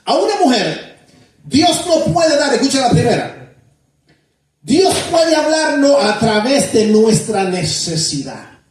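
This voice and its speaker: High-voiced pastor preaching in echoey church. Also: male voice, far from the mic. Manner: emphatic preaching with repetition and sudden shouts. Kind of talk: sermon.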